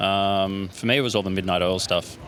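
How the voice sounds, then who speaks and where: A man's voice: low-pitched, fairly even intonation, a little fast, fairly bright tone, slight background noise. A man in a band, chatting loosely in an interview with many restarts. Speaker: band drummer, guest. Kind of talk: casual interview chat.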